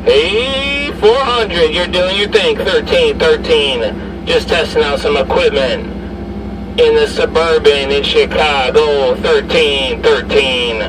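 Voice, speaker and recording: Recorded from a distance in a noisy SUV interior, parked or moving, this man speaks slowly in a voice on the high side. He's a CB radio operator trading casual, slangy talk, repeating handles and call-outs over and over.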